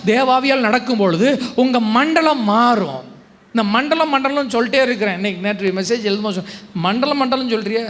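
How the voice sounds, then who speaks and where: Very high-pitched pastor. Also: male voice, animated, fairly bright tone. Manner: prompts the congregation to answer aloud, shifting between slow emphasis and rapid bursts. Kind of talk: call-and-response sermon.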